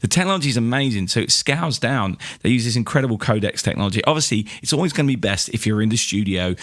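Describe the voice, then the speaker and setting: A man hosts a podcast in a casual, chatty way, talking fast with lively intonation. His mid-range voice has a fairly bright tone. The recording is dry and has clean studio sound.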